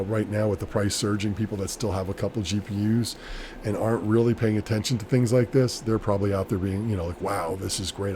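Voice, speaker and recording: A man with a fairly low voice talks casually to his viewers as a solo vlogger. He rambles in a matter-of-fact, unscripted way. Clear background noise runs behind his voice. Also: dark tone. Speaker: vlogger, small-scale crypto miner. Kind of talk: casual off-the-cuff solo chat.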